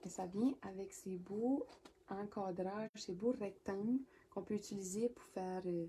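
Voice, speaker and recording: A woman with a Québécois accent demonstrates card making at her craft desk, chatting and thinking aloud as she works and sometimes dropping to a soft murmur. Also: mid-range voice, a little slow. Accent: Québécois French. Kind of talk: casual crafting tutorial. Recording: noisy with crafting clicks.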